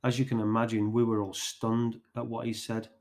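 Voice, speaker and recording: A man hosting a podcast who narrates a story in a slow, deliberate way, pausing between phrases. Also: mid-range voice, completely flat delivery, darkish tone.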